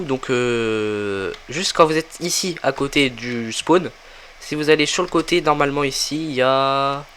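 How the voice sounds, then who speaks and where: A man's voice: fairly high pitch, a little hiss or hum. Man casually narrating his gameplay. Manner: relaxed, thinking aloud with many fillers. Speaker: gaming tutorial creator. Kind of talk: casual game walkthrough commentary.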